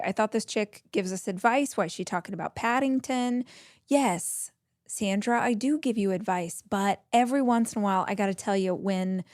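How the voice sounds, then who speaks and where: A woman's voice: mid-range voice, darkish tone, dry recording, studio quality. A woman in her forties hosting her own podcast, talking in a chatty, enthusiastic, bubbly way to her listeners. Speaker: podcast host. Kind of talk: casual solo podcast talk.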